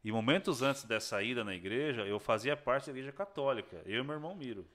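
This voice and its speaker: A young man, a guest on a casual chat, tells the story of his conversion at a quick pace in a mid-range voice. He's animated and slangy, acting out the voices of the people in his story.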